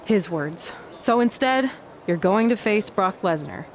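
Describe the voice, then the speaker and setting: A woman's voice: mid-range voice, expressive, a little slow, slight background noise. An actress playing a blunt, sarcastic young female wrestler in a video game, dry and matter-of-fact.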